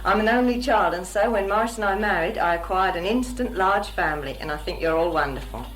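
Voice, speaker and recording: A woman's voice: medium pitch, a bit bright, rough recording. A young woman reading out a prepared, friendly message to relatives. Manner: scripted, chirpy wording, few pauses. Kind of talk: read-out spoken letter to relatives.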